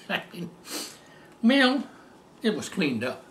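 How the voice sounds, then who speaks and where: A man's voice: high voice, huge pitch swings, extremely slow, reverberant, slight background noise. An older man telling a heartfelt personal story in a rambling, casual way, with many fillers and restarts. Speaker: storyteller recounting personal experiences. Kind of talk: casual spoken testimony.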